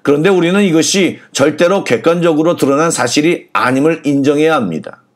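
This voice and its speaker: A male pastor preaching an earnest sermon and asking rhetorical questions. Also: a little high. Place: church.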